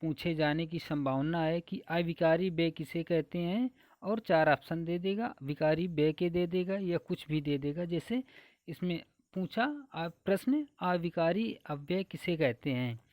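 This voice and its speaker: A man's voice: fairly high pitch, a little slow, a little mellow, no echo. A man teaching a grammar lesson for exam preparation. He goes through a numbered syllabus, repeating points and asking and answering his own questions.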